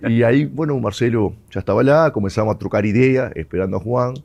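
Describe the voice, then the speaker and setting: A Uruguayan former footballer, Spanish being his first language, tells stories during an interview, blending Portuguese into his Spanish and laughing often. His voice is medium-pitched, gravelly and a little mellow, at normal speed.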